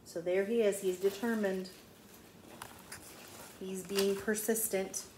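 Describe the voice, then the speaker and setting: A children's teacher reads a picture book aloud to young children in a medium-pitched, steady voice at a slow pace. Her read-aloud is emphatic and teacherly, with asides, recorded in an echoey room with faint background noise.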